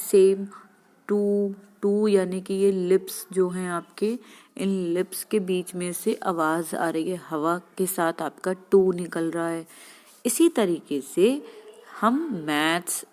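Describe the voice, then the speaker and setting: A woman's voice: on the low side, darkish tone. A woman teacher giving a lesson, explaining and sounding out speech sounds one by one. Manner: slow, explanatory, demonstrates sounds aloud. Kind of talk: classroom lesson.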